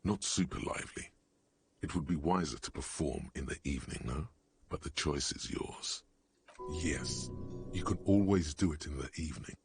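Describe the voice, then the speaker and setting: A man playing a brooding, all-knowing inner-voice narrator in a detective game, measured and literary, with a gravelly voice. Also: rumbling low. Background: music.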